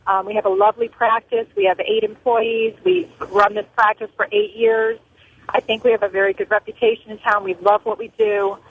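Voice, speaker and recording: Over a thin, tinny telephone connection with slight background noise, a middle-aged family doctor calls a radio program to voice her opinions. She talks a little fast in a medium-pitched, fairly even tone, earnest and punchy in short sentences.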